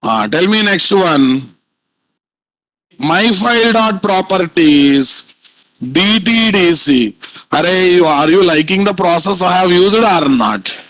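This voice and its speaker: A man's voice: high-pitched, expressive, slow, a bit bright, dry recording, rough recording. A man with a Telugu Indian accent lecturing live as a programming instructor, repeating points and constantly quizzing his students with questions.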